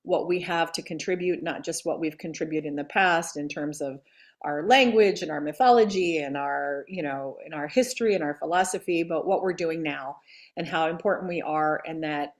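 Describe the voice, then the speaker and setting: Earnest woman legislator guest with a somewhat low voice, halting with pauses. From Greece and Delaware. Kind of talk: interview conversation.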